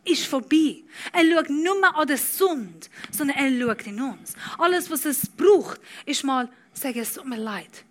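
A woman preaching a sermon with passion, speaking German with non-native grammar and building from quiet to loud. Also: high-pitched, lively intonation, a little slow, hardly any pauses.

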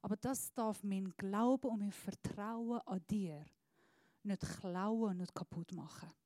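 A woman preacher giving an earnest sermon, often dropping to a soft, low voice. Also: slow, no room sound, studio quality.

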